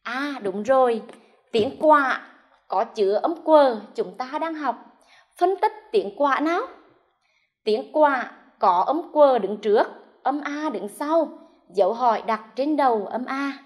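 A woman primary school teacher from central Vietnam giving a televised first-grade lesson, pronouncing sounds clearly and slowly for young children. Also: sits high, animated. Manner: slow, clear, drawn-out enunciation for young children.

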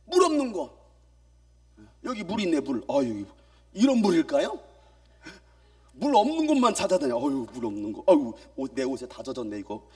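A male pastor preaching to a youth gathering, swinging from shouts to hushed asides and firing questions at the congregation. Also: on the high side, huge pitch swings, normal speed, pauses often, distant mic. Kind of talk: sermon. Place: church youth meeting hall.

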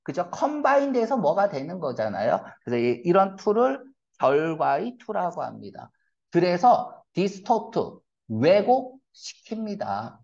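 A male English teacher giving a classroom lecture, his pitch jumping up and down as he explains. He keeps asking rhetorical questions and throws in blunt, slangy asides. The recording sounds dull and lo-fi. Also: very animated, unhurried, gravelly, a little mellow. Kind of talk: classroom lecture on reading comprehension.

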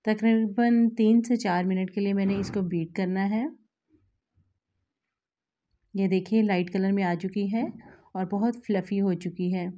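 A woman host, calmly explaining a recipe step by step to her viewers in a voice-over. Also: medium pitch, a little slow, long pauses, dull audio. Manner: calm, instructive, addresses viewers directly. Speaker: cooking channel host.

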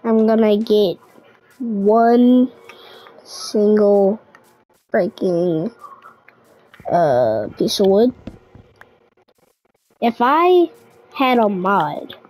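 A woman's voice: fairly high pitch, darkish tone, rough recording. Chatty young woman narrating gameplay. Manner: chatty, easily frustrated, talks to viewers directly. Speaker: gaming tutorial creator. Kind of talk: casual gameplay commentary.

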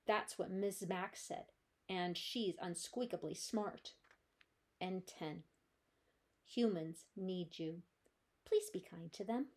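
A woman librarian reading a children's chapter book aloud with gentle, steady storytelling. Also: lowish voice, slow pace, pauses often.

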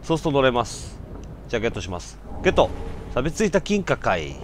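A man giving casual let's-play commentary, breaking from muttered asides into loud startled outbursts. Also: mid-range voice, big pitch swings, fast, a little hiss or hum.

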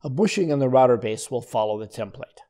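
An older man narrates in a calm, methodical way, as if walking a student through each step. His voice is mellow and relaxed, with a middle pitch. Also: fast talker. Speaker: woodworking instructor. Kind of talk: scripted voice-over narration.

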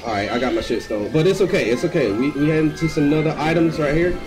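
A man giving live gameplay commentary as a streamer, slangy and excitable, breaking into screams. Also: fairly high pitch, fast, low-quality recording. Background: game music.

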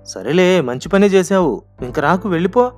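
A man's voice: sits high, lively intonation, moderate pace, a little mellow, soft background music, voice pushed up. A man voicing a poor, defiant village seamstress woman who scolds in a raised voice. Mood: refusing.

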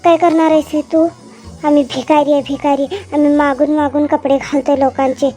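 A woman's voice: high-pitched, little pitch movement, fairly quick, warm tone, faint music behind, close to an everyday voice. A woman voicing a poor young village man in a cartoon comedy, whining and boasting as he pleads to be married. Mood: pleading. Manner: whiny, boastful pleading in rural speech.

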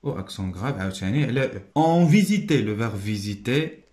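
A man with a Moroccan accent teaching a primary school lesson. He says each word slowly and stresses it, then explains in quieter asides. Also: lowish voice, reverberant. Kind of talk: classroom lesson walkthrough.

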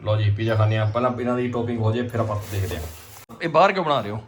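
A man with an Indian Punjabi accent hosts and films a family vlog, his voice lowish and his delivery racing. His commentary is casual and teasing, sprinkled with playful exclamations.

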